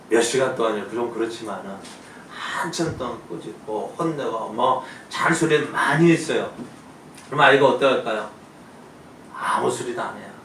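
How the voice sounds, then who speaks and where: A male pastor delivers a sermon from a distance in an echoey church sanctuary. He talks emphatically, shifting between loud, pleading lines and quiet asides. A faint hiss sits under the recording. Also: mid-range voice.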